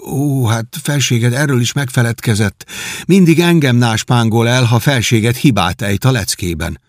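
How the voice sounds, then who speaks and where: A man's voice: mid-range voice, no echo, clean studio sound, pitched above the performer's own voice, close to an everyday voice. Man voicing a humble young whipping boy. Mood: pleading. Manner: earnest and imploring.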